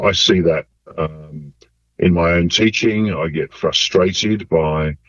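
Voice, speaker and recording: A man, a university lecturer, answering interview questions in an electronically altered, disguised deep voice, measured and hesitant with fillers. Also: husky, no echo. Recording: dull, lo-fi voice-altered audio.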